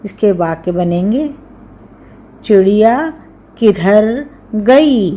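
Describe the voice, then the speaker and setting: A woman teaching a language lesson, dictating words and short sentences slowly and carefully, one word at a time. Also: mid-range voice, lively intonation, mellow. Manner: very slow, careful, drawn-out word by word.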